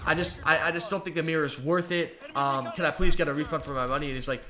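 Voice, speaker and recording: Young dude vlogging fast, kinda high voice, rambly, bit of hiss behind. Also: male voice. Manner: rambling, animated, gets loud when annoyed. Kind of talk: casual storytelling vlog.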